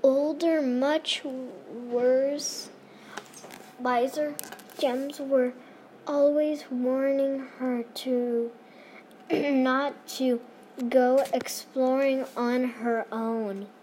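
Woman reader as a high, prim alien storyteller, very slow, halting fan read. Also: fairly even intonation, warm tone, a little hiss or hum. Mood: storytelling. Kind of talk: fan comic reading.

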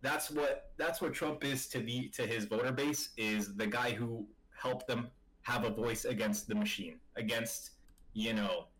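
A man in a casual group chat, calmly explaining things at length in a measured way. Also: medium pitch, low-quality recording.

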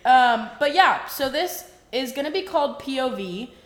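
A woman's voice: sits high, expressive, moderate pace, fairly bright tone. A woman in her early twenties with an American accent, chatting informally as a podcast co-host. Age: early 20s. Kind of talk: casual chat. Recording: roomy, echoing room sound.

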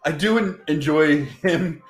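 A man co-hosting a casual podcast about a movie, halting and searching for words, repeating himself. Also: a little high, faint music behind. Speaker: podcast co-host. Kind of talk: casual movie-discussion chat. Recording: roomy recording with faint background noise.

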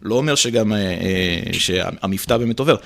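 A man who is a stand-up comedian, telling stories in a casual interview with a slightly rolled r and animated impressions. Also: lowish voice, gravelly. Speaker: guest, stand-up comedian and actor.

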